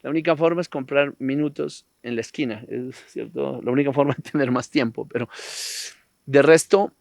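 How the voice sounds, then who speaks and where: A man speaks on a discussion panel in a thoughtful, philosophical tone, with a slightly gravelly voice. He wanders into digressions and often throws in rhetorical questions. The sound is dry and close, with no room echo. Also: mid-range voice, normal speed, darkish tone. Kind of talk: reflective panel talk.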